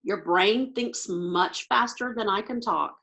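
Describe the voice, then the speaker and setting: A woman teacher talking quickly and thinking aloud as she walks through test questions on a video call. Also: mid-range voice, vocal fry, fairly bright tone. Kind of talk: recorded online lesson.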